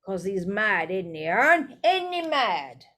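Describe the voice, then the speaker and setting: A chattering young bus conductor, loud and eager to spin a dramatic tale, as a woman reading aloud puts him on. He drags his words out slowly for effect. It sounds like a storybook read aloud at home. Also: mid-range voice, sing-song, heavily acted. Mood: gossipy. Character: excitable gossipy young male bus conductor.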